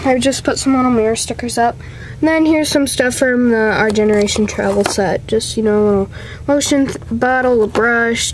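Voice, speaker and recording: A young woman whose voice is on the high side and darkish leads a casual, rambling tour of her small carpeted room at home, full of giggles, apologies and self-deprecation. Audio is from the handheld camera's built-in mic, noisy and amateur.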